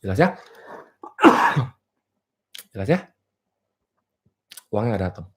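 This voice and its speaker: A man coaching a seminar crowd on business and money, his pitch swooping with animation. He talks playfully, fires rhetorical questions and keeps asking whether everyone follows. He laughs easily at his own jokes. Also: sing-song, slow, fairly bright tone. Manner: playful, rhetorical, repeatedly checks "clear?" with the audience. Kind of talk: motivational seminar talk. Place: live and virtual seminar.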